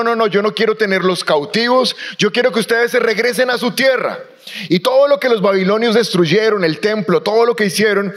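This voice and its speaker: Male pastor with a high voice, preaching and leading the room in reading aloud. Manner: rallies the congregation to read aloud. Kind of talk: sermon.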